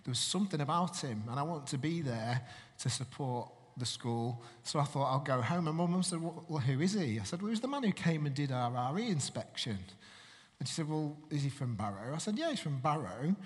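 A man's voice: on the high side, expressive, brisk, big-room sound. A man from Manchester, giving a sermon in a chatty way and putting questions to the congregation. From Manchester, England. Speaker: preacher.

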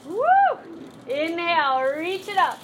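Casting: woman yoga instructor, high voice, slow unhurried cues, live class with faint room hum. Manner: encouraging, playful cueing of breath and movement.

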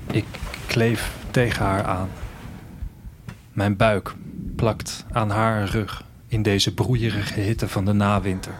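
In a radio drama with music beneath the voice, an actor gives intimate first-person narration as a reflective man living in a future world. His voice is lowish, and the background is noisy.

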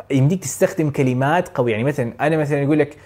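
A man from Saudi Arabia with a Hejazi Arabic accent, coaching learners for an English speaking exam in an energetic, casual way. He chuckles often and slips English words and phrases into his Arabic. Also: a little high, racing. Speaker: IELTS speaking tutor. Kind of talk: casual instructional talk to camera.

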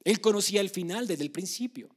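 A man preaching a sermon, emphatic, moving between hushed passages and loud, urgent ones. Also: sits high, animated, brisk, slightly rough.

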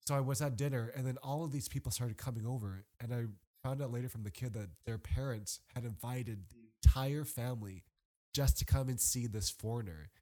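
A man's voice: medium pitch, a little fast. A man, a podcast guest, chatting casually and telling stories animatedly, rambling with lots of restarts and fillers. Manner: animated storyteller. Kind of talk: casual chat.

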